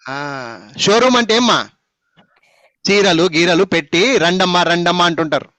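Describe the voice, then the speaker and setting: A man with a Telugu accent runs a phonics class, firing questions at his students and scolding them with teasing jabs. His voice sits on the high side for a man. It is recorded close and dry, with no room sound. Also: very animated, a little slow, sharp tone, no echo. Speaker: spoken English teacher.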